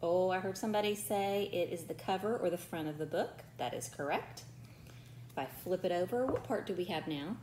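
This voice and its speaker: Brisk and darkish in tone, this woman's lowish voice belongs to a forties-aged teacher reading a picture book aloud to little kids. She speaks encouragingly, with chatty digressions and questions aimed at children who aren't heard. There's a roomy echo and faint background noise.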